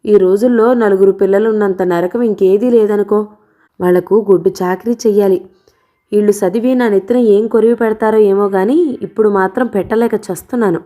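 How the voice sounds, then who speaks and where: A woman's voice: mid-range voice, fairly even intonation, normal speed, natural voice. A woman doing a nagging village auntie. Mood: scolding, teasing. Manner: scolding and grumbling, shouts often. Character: loud, nagging, teasing middle-aged village woman.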